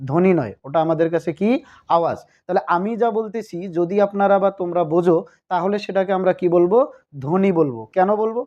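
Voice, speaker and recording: A man gives a recorded grammar lesson in a fairly high voice. He repeats each point and poses questions to answer them himself. The recording sounds dull and lo-fi. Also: a little mellow. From Bangladesh. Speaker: Bangla grammar teacher.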